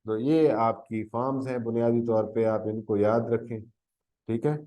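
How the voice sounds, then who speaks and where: An English teacher with a Pakistani Urdu accent explains tenses in a grammar lesson, coughing often, correcting himself, and checking in with "theek hai ji." His voice sits at a medium pitch with a level tone, his pace is a little slow, and the highs are cut off.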